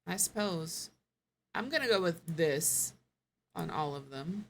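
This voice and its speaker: Woman, streamer, lowish pitch, live gameplay commentary, thinking aloud, self-correcting. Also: animated, takes it slowly.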